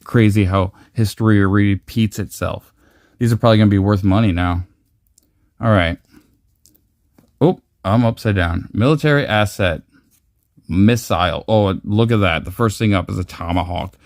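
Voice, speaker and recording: A man in his forties from the United States hosts a card-collecting channel, joking, rambling and swearing freely while opening trading cards. His fairly low, darkish voice moves at a moderate pace in a studio-quality recording with no room sound.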